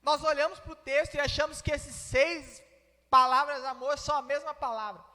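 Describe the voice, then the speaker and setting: A man's voice: very high voice, steady tone, moderate pace, sharp tone. A Brazilian man preaching a sermon in a church, explaining a text and acting out its dialogue, with a Brazilian Portuguese accent. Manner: explanatory, acts out quoted dialogue. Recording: reverberant church hall.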